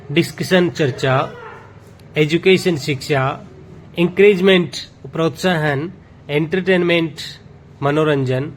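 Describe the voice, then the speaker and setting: Man, teacher reading a word list, slow even rhythm, slightly high voice, faint room noise. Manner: steady list-reading with self-corrections. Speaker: vocabulary teacher.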